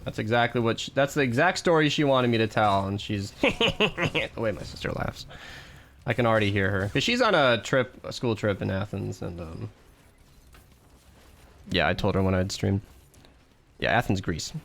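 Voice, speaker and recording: Lively, rambling male streamer. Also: lowish voice, normal speed, gravelly. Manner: animated, rambling, laughs often; self-deprecating. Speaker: live streamer. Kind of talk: casual live-stream chat while gaming.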